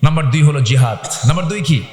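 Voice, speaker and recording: A man's voice: a little high, animated, quick pace, a little mellow. A man preaching a sermon, calling out to his audience for responses and telling humorous stories. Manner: call-and-response with the audience, dramatic rising exclamations; humorous storytelling. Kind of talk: Islamic sermon at an evening gathering. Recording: echoey PA sound with long reverb.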